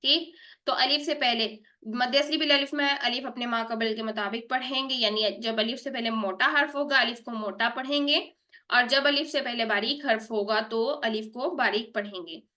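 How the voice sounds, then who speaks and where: A woman leads an online Quran recitation lesson in a bright, clear voice that sits a little high. She talks patiently, keeps checking in with her students and drags out the sounds she is modelling. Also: steady tone. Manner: patient, repeats "theek hai" and models sounds slowly.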